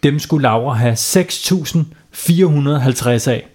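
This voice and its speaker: Playful husky male storyteller. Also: medium pitch, a little mellow. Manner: playful, asks the children questions. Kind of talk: telling a bedtime story to children.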